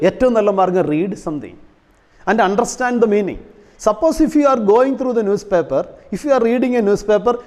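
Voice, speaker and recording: High-voiced man teaching in a hall. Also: a little mellow. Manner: asks rhetorical questions, mixes English terms into explanations. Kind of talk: classroom English lesson. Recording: long hall reverb.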